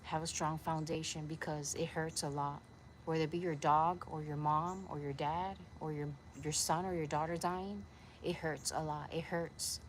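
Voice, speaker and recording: A woman's voice: deep voice, fairly even intonation, normal speed, a little hiss or hum. A young woman from Puerto Rico talking to a camera set nearby in her backyard, earnest and a little preachy as she rambles. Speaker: vlogger. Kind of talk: casual talk to camera. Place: backyard outdoors.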